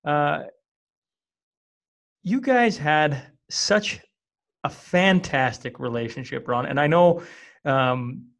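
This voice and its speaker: A man in his thirties from small-town Western Canada hosts a podcast at a studio microphone with earbuds, eager and casual as he asks long, winding questions in a casual interview. His voice sits fairly high and is a bit bright and creaky, with lively intonation. He speaks slowly and leaves long pauses.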